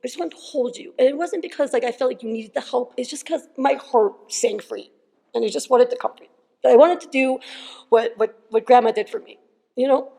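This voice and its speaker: A shaky young woman giving a tearful, laughing personal testimony, halting and full of fillers. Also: sits high, gravelly, warm tone. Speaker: retreat participant. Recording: long hall reverb.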